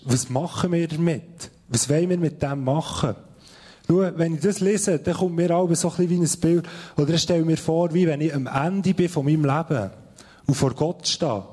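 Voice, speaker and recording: A man with a Swiss German accent giving an earnest, conversational sermon, slowing down to read scripture aloud. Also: a little high, mellow, slightly rough. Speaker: preacher. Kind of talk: sermon with Bible reading.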